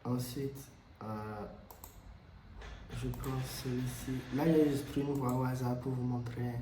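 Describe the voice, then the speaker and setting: A man presenting a software tutorial, explaining steps with frequent hesitations and repeats. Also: medium pitch, level tone, a little slow, noisy background. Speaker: tutorial host. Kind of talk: screen-recorded software tutorial. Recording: echoey room.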